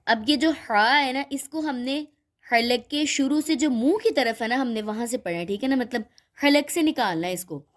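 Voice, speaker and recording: A woman's fairly high voice leads a beginner Quran reading lesson. She speaks patiently and keeps checking that the child follows. She draws out and repeats each letter sound for the listener to copy. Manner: explains slowly, checks in with "theek hai?" often.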